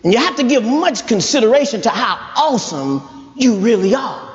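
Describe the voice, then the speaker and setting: A man preaching a sermon in a folksy, conversational way, building to shouted emphasis and calling out to the congregation. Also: very high-pitched, very animated, moderate pace. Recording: echoey hall, dull lo-fi sound.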